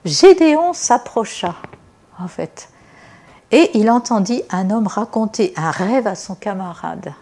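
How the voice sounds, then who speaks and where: A woman's voice: medium pitch, animated, takes it slowly. Chatty French-speaking woman preaching. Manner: chatty, frequent "hein" asides and fillers; warm, explanatory, addresses the congregation directly. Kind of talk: informal sermon with scripture reading.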